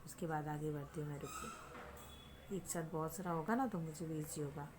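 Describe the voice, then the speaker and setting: A patient Indian woman teacher speaks a little low for a woman, repeating each point and asking her young pupils questions back. Faint room ambience sits behind her voice, recorded close on a simple home setup. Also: normal speed, noisy background. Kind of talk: online lesson for children.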